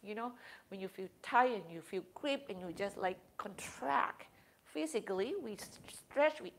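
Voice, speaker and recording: A woman's voice: medium pitch, lively intonation, moderate pace, slight background noise. A woman yoga teacher speaking earnestly in slightly non-native English, drawing out words for emphasis as she talks and guides breathing.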